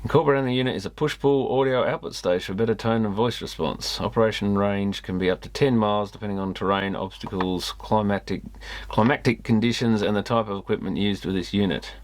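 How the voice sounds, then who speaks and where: Brisk and with few pauses, a lowish-voiced man hosting an electronics repair channel chats casually through his video, reading from a manual and muttering asides as he goes.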